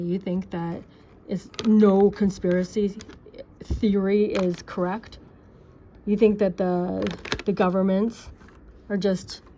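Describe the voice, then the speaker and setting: A woman's voice: medium pitch, dark tone. Sarcastic rambling woman vlogger. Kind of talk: personal opinion monologue. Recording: dull lo-fi recording.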